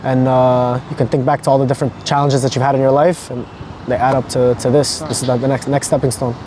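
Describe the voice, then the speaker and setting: A man's voice: medium pitch, level tone, quick pace, mellow, slight background noise. A man in his twenties talking casually and earnestly to a vlog, in a motivational way with some casual swearing. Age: 20s. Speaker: vlogger, amateur runner.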